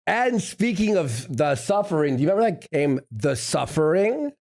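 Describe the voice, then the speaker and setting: A male streamer chatting as he goes, his voice gravelly and rough at the edges. His pitch leaps high and then drops low again and again. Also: very animated, moderate pace, a little mellow. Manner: rambling, with restarts. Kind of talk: casual stream chat.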